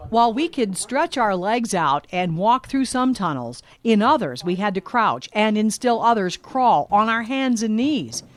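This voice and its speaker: A woman reporter giving a scripted documentary narration, measured and vivid. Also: medium pitch, big pitch swings.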